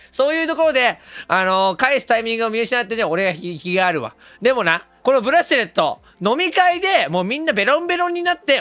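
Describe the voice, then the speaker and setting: A hoarse man, talking casually on stream, excitable and quick to laugh or yell. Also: very high voice, dry recording. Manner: excitable, switches between laughing and yelling. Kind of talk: casual stream talk reacting to comments.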